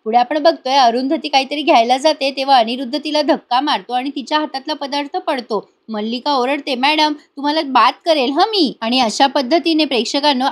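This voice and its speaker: High-voiced woman retelling a serial. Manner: chatty, retelling scenes. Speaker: TV serial reviewer. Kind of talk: voice-over episode review.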